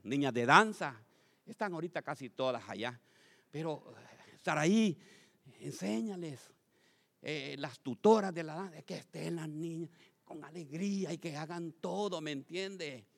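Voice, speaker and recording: A man preaching a lively sermon to his congregation as pastor, swinging from loud calls to quiet asides and asking the crowd questions. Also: fairly high pitch, a little slow, vocal fry. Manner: addresses congregation as brothers, asks questions.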